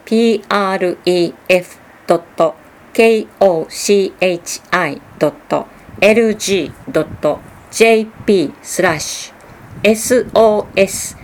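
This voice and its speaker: A woman announcer reading public information notices, slowly and carefully spelling out phone numbers and web addresses. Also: medium pitch.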